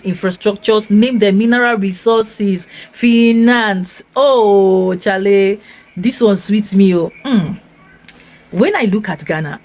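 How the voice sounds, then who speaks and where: A woman's voice: medium pitch, darkish tone. A woman from Nigeria hosting a reaction vlog, talking in an enthusiastic, emphatic way with lots of repetition. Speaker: vlogger host. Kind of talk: casual reaction commentary.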